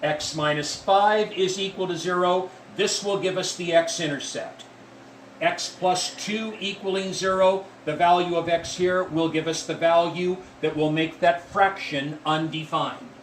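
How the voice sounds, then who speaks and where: A man teaching a math lesson, explaining step by step in a deliberate way and repeating key points. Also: a little high, steady tone. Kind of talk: classroom math lecture. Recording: echoey room from far off with faint noise.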